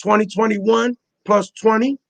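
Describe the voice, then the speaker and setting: A man's voice: sits high, steady tone, unhurried, gravelly, no room sound. A man in his forties hosting a casual panel chat on a video call, emphatic and full of street slang, repeating his points. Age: 40s.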